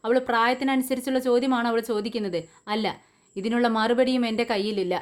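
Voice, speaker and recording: A woman's voice: on the high side, steady tone, a little fast, lightly acted. A woman voicing a bitter, stubborn young mother who curtly refuses her family. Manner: curt defiant.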